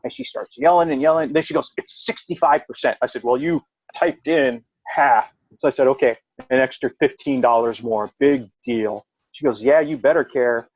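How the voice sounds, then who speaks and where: A middle-aged man, a veteran, telling a long personal story in casual chat, rambling and jumping up in pitch when he quotes himself. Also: normal speed, no echo, lo-fi sound. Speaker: podcast co-host, veteran.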